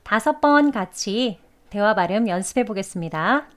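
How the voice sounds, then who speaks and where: A woman with a Korean accent teaching English pronunciation, slowly and carefully demonstrating each sound. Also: mid-range voice, lively intonation. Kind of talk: pronunciation lesson.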